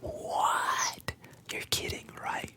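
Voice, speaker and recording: Luffy, a defiant boy, whispered by the narrator. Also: extremely slow. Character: boyish hot-headed young pirate hopeful. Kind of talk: ASMR whispered retelling of a cartoon.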